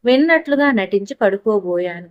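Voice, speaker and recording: A woman reading a first-person story aloud in a steady, even narrating voice. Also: mid-range voice, normal speed, dry recording, lo-fi sound. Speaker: audiobook narrator.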